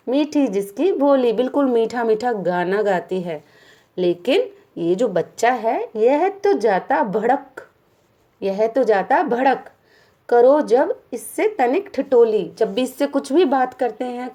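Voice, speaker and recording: A woman's voice: on the high side, warm tone. A woman teaching a poem to young children in a patient way, asking questions and answering them herself, with English phrases mixed into her Hindi.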